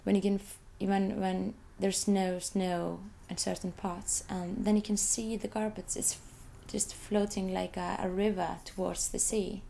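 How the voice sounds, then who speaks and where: An Icelandic woman, an artist, speaks hesitantly in second-language English about her photographs in an interview, often repeating and restarting. Her medium-pitched voice is gravelly yet mellow, level and a little slow, with few pauses. A little hiss or hum sits in the background.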